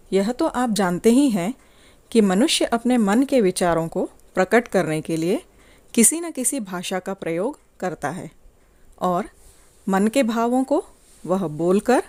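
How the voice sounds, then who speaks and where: A woman teaching a grammar lesson to children in a slow, deliberate, clearly paced way. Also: mid-range voice, a little mellow, no echo.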